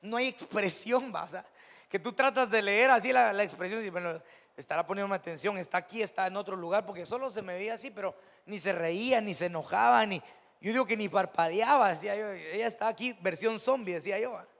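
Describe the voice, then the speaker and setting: A man's voice: high voice, fairly quick, fairly bright tone, big-room sound. A man with a Mexican accent preaching a sermon as pastor, telling stories in a conversational way that builds to emphatic preaching. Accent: Mexican Spanish. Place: church sanctuary.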